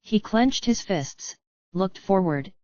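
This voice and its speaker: A woman narrating a fantasy audiobook in a measured reading, in a dry, slightly dull recording. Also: medium pitch, expressive, a little mellow, no echo. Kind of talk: scripted narration.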